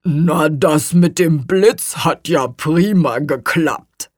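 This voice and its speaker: A grumbling, know-it-all male companion in a storybook, as a woman reads him. He speaks slowly and drily, correcting the witch. His voice sits in a middling range. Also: deep voice, darkish tone, no echo. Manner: grumbling, dry.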